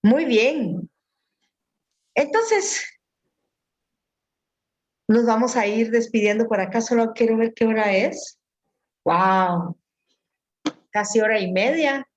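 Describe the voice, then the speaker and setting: A woman giving a motivational talk, animated and laughing at herself, acting out the voices she quotes. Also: a little high, slow, pauses often. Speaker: speaker. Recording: dull lo-fi sound.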